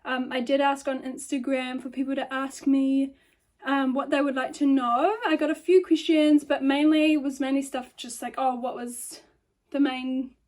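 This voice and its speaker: A woman's voice: sits high, fairly even intonation, normal speed, a little mellow. A young woman in her twenties chatting casually into her phone in her bedroom, rambling with lots of ums and likes and a little out of breath. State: a bit out of breath. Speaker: vlogger. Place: bedroom by a lamp. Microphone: phone camera.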